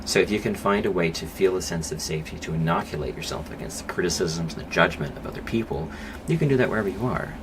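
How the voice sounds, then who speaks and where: A man speaking as a psychologist guest on a podcast interview, thoughtful and measured, with pauses and fillers. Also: deep voice, expressive. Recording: clear background noise.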